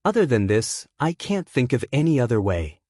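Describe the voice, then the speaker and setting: A man voicing an elderly grandmother who speaks softly and sorrowfully through tears. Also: medium pitch, very animated, normal speed, no echo, studio quality. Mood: tearful. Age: older. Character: elderly grandmother, tearful and resigned.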